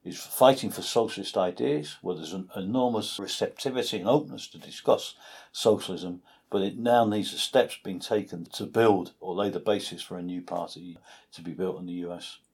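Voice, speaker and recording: A man's voice: sits low, moderate pace, a little mellow, slightly rough. A man speaking as a podcast guest, giving earnest, emphatic political analysis and repeating his phrases.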